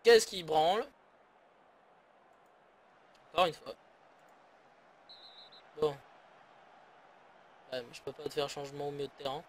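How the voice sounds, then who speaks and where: A man's voice: fairly high pitch, animated, measured pace, pauses often, slight background noise. A man from France giving sarcastic, grumbling commentary while playing a football management game. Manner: sarcastic, grumbling, swears often. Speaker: gaming YouTuber. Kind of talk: casual let's-play commentary.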